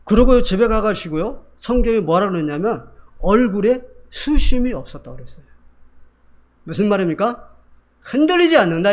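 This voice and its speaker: A man preaching a Sunday sermon as pastor, asking the congregation rhetorical questions. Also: high-pitched. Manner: acts out Bible figures in quoted voices.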